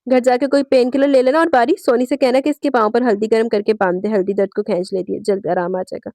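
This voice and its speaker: A woman reading a novel aloud, voicing a practical middle-aged aunt who gives brisk instructions. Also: fairly high pitch, fairly even intonation, dark tone, no room sound, clean studio sound, natural voice. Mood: caring.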